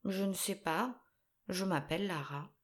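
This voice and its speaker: A woman's voice: a little slow, close to an everyday voice. A woman voicing an earnest, worried little girl in a read storybook. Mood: calm. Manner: pleading, high child's cries.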